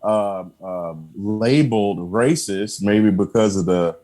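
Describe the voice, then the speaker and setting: A man with a fairly low voice speaks as a podcast guest. He talks in a relaxed, earnest way, hammering his points home with repeated affirmations. He breaks into short laughs between points. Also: slow. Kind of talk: casual conversation.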